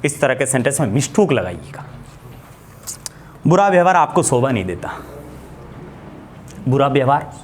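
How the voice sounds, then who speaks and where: A man teaching spoken English, slowly repeating words and mixing Hindi with English. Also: mid-range voice, very animated, a little hiss or hum.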